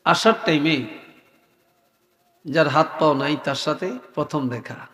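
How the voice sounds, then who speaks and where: A man preaching a sermon, telling a story slowly and softly, sometimes in a sing-song chant. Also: a little high. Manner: slow, soft-spoken storytelling, sing-song chanting at times. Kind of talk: Bengali waz sermon. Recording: echoey hall.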